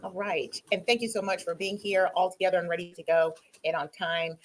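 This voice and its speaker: A woman judge running court proceedings in a brisk, procedural way, with frequent ums, heard through a courtroom recording played back. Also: fairly low pitch, steady tone. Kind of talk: presiding over court proceedings.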